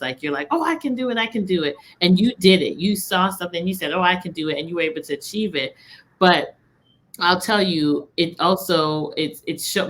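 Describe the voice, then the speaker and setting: Low-voiced woman host, effusive. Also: a bit bright. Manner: effusive, encouraging. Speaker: podcast host. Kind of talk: interview hosting.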